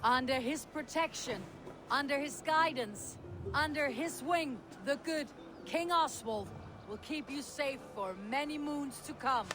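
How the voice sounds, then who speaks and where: A woman voicing a stoic Viking warrior in a video game, measured, formal and plainspoken. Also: sits high, over music. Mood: proclaiming.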